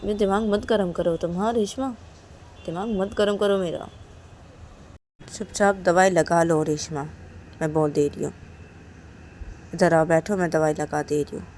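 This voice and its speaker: A woman's voice: lowish voice, fairly even intonation, normal speed, long pauses, a little mellow, slight background noise, natural voice. A woman voicing a caring young woman who pleads and coaxes her partner over and over. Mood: pleading coaxing. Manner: pleading, coaxing, repeating "please".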